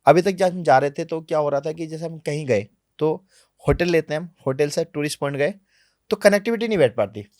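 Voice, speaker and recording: A man being interviewed on a podcast, telling travel stories in a lively, animated way, sometimes dropping to low, quiet asides. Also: fairly quick, no echo, clean studio sound. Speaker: travel vlogger guest. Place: podcast studio.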